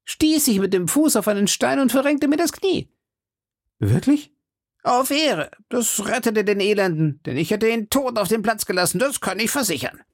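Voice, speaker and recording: A man reading an audiobook plays a jovial, swaggering musketeer who brags about his duels. The voice is lifted well above his own and has a gravelly edge, recorded close and dry. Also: high-pitched, expressive, normal speed, no room sound, voice pushed up. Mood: boastful. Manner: swaggering, boastful. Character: boastful, hearty male musketeer, bedridden, jovial.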